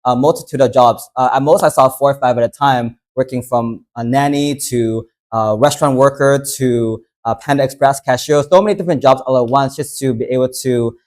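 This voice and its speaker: Man, from the United States, workshop host, casual talk, filler-heavy phrasing, middle pitch. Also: brisk, hardly any pauses, a little mellow. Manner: conversational, loose, many fillers.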